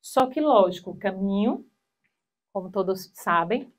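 A woman in her thirties, medium in pitch, shares personal stories as part of a spiritual talk. Using a handheld mic in a small hall, she's animated and performs the voices of those she quotes.

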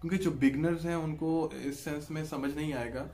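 A man's voice: on the high side, fairly even intonation, normal speed, dark tone. Patient man teaching in Urdu accent. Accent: Pakistani Urdu. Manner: patient, repeats "ठीक है जी" to check in, draws out example sounds. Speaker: language teacher. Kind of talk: explanatory online lesson.

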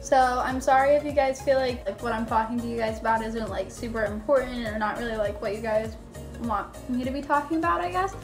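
A young adult woman with a slightly high voice talks fairly quickly, chatting casually to viewers in her YouTube vlog and saying "like" again and again. She's in a small bedroom indoors, recording on a phone at arm's length over background music.

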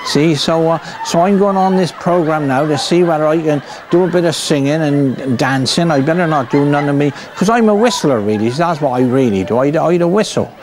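A man's voice: fairly high pitch, a little fast, hardly any pauses, background noise, lightly acted. A man with a Somerset accent playing a cheerful, bumbling rustic farmer in a stage comedy act, rambling folksily and tagging his lines with "see" and "look". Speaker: comic performer. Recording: piano music playing behind.

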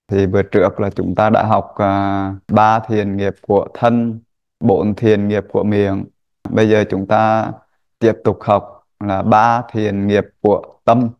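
A man giving a Buddhist Dharma talk to an online group, listing points slowly and asking rhetorical questions. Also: on the low side, darkish tone, highs cut off.

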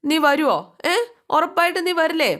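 A woman's voice: fairly high pitch, brisk, close to an everyday voice. A woman voicing a tearful older mother begging her son to come home. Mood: pleading. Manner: pleading, emotional.

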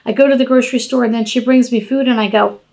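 A woman in her fifties giving an informal devotional talk at home, animated and conversational, speaking to the camera from across a table. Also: on the high side, quick pace, vocal fry. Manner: animated, gesturing, conversational preaching. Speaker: devotional podcast host. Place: home dining room, indoors.

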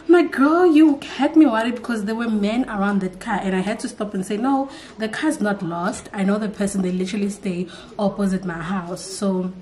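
A young vlogger chats casually to a camera on a nearby tripod in her home kitchen and living room, telling a story and switching into Setswana phrases. Her mid-range voice has a darkish tone, and she talks at a moderate pace with hardly any pauses.

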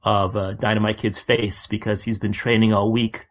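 Low-voiced man in relaxed podcast chat. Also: moderate pace. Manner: relaxed, filler-heavy with frequent "like". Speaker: podcast co-host.

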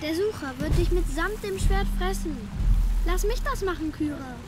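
A woman's voice: extremely high pitch, lively intonation, normal speed. An actress playing a sweet, brave little girl who believes she is a queen in a video game. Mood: earnest, fearless. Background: loud game music.

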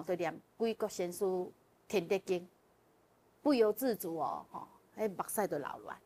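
Animated woman telling a story. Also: mid-range voice. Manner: animated, often laughing, with vivid emotional retelling. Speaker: guest sharing a personal testimony. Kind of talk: casual spoken storytelling.

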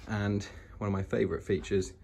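A British vlogger gives a house tour, chatting casually and enthusiastically as he walks between the rooms of an old house. His voice is fairly low and dark, with fairly even intonation, a brisk pace, and vocal fry. The handheld home recording is noisy.

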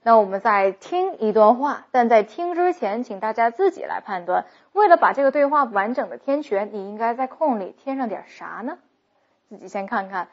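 A woman English teacher explaining pronunciation rules briskly and slowing down to model example sentences. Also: a little high, animated. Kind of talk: recorded pronunciation lesson. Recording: muffled lo-fi recording.

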